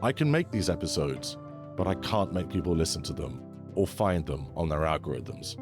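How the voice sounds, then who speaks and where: Very deep, expressive male podcast host. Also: normal speed, over music. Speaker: podcast host, documentary producer. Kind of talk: scripted podcast narration and interviewing.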